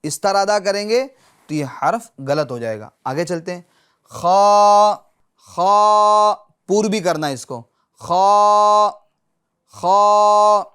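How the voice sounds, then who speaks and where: A man teaching Quran recitation who says each letter sound slowly and loudly, again and again, and stops often to check that his students are following. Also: high-pitched, lively intonation. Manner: patient, checks in often with short confirmations. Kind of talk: Urdu lesson on pronouncing Arabic letters.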